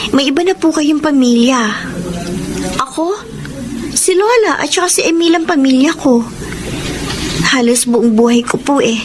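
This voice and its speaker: An actress with a high-sitting voice plays a dutiful, selfless young granddaughter in an emotional radio drama, speaking earnestly and respectfully. There's background noise in the recording.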